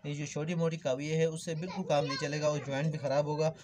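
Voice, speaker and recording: Talking fast in a fairly high, slightly mellow voice with a level tone, this man walks viewers through an electrical repair step by step, treating them as friends. The informal tutorial has a clearly noisy background full of clicks.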